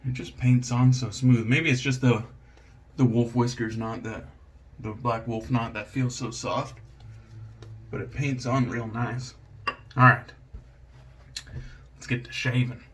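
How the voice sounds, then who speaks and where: A man's voice: mid-range voice, little pitch movement, unhurried, pauses often. Laid-back rambling man vlogging a shave. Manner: laid-back, rambling, self-deprecating, swears casually. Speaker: shaving channel host. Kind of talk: casual vlog chat while shaving.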